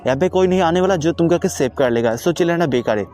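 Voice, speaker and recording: A man voicing a cocky, blunt young male hero who talks roughly and sarcastically. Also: fairly high pitch, expressive, fast talker, mellow, soft background music, close to an everyday voice. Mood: exasperated. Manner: rough, teasing, exasperated.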